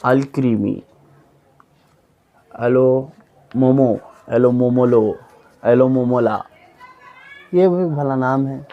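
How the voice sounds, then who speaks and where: A young man casually reading aloud a long list of names for his viewers, sounding them out slowly and often stumbling and repeating them. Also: medium pitch, lo-fi sound. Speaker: YouTuber reading Pokémon names.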